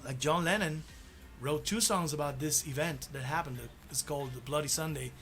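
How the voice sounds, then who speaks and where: A man's voice: fairly high pitch, fairly even intonation, a little fast, fairly bright tone. A man, a tribute band musician chatting casually about music history, enthusiastic, laughing often and humming snippets of songs.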